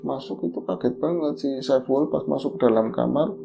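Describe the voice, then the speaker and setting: A man's voice: medium pitch, normal speed, vocal fry, over music. A man hosting a podcast, casually telling a horror story and acting out the people in it. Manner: lively, acts out quoted voices. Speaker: podcast host.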